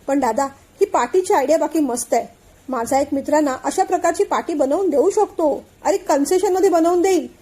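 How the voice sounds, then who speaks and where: A woman's voice: high voice, normal speed, warm tone, natural voice. A woman voicing a cheeky, joking younger brother in a storybook reading.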